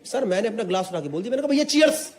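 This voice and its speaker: A man from the Delhi area doing a stand-up comedy set, telling an animated story in mixed Hindi and English and putting on voices for the people in it. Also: high-pitched, racing. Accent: Delhi NCR Hindi. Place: live comedy venue with audience. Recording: echoey room, crowd laughter, background noise. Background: audience laughter.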